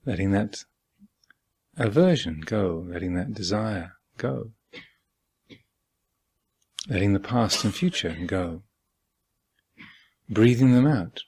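In a retreat's meditation hall, a teacher leads a guided meditation in a husky, lowish voice. He speaks calmly and deliberately, leaving long pauses.

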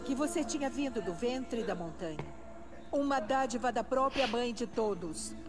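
A woman as a solemn, high-voiced elderly Brazilian matriarch. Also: expressive, moderate pace, natural voice. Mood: reverent. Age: older. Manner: solemn, reverent. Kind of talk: dubbed video game drama. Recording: loud game music behind.

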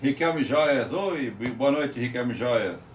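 A man's voice: medium pitch, expressive, slow pace. A man co-hosting a live stream off-mic, reading out viewer names and thanks in a chatty way. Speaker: co-host reading viewer comments. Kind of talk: casual live stream chat. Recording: roomy, off-mic.

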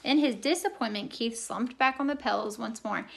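A teacher reading a children's book aloud with steady, expressive storytelling. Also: female voice, a little high, moderate pace, creaky.

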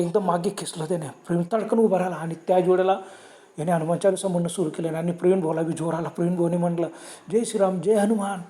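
A man's voice: high voice, warm tone. Man telling a dramatic ghost story. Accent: Marathi. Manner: dramatic, emphatic retelling with gasps of fear. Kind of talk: spoken horror story narration.

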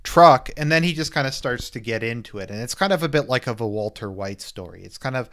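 A man's voice: medium pitch, lively intonation, a little fast, a bit bright. A man giving a loose, casual spoken movie review as he rambles through the plot. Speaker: film reviewer.

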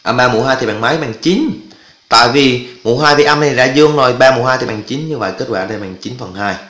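A man's voice: mid-range voice, fast, fairly bright tone. Chatty man teaching math in an echoey room. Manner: chatty, asks students checking questions often. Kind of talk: casual spoken math lesson.

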